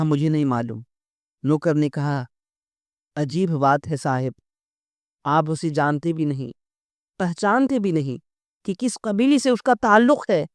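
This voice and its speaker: A man's voice: a little high, dry recording. A man giving a devotional storytelling speech, acting out the dialogue and reciting poetic couplets. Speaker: religious speaker.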